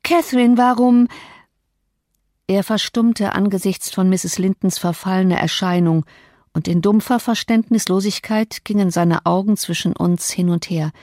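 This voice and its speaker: A woman reading a novel aloud in measured, scripted narration. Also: mid-range voice, fairly even intonation, darkish tone, no room sound, studio quality. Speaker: audiobook narrator.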